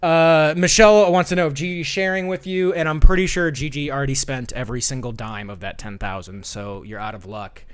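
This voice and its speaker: A man's voice: mid-range voice, fairly even intonation, fairly quick, hardly any pauses, clean tone. A man hosting a live-streamed talk show, rambling with lots of fillers and restarts. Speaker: host.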